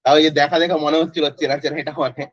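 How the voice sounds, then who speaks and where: A man's voice: on the high side, steady tone, very fast, no room sound. A male physics tutor, teaching an online class in a casual way and quizzing students by name. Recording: dry, slightly dull lo-fi audio.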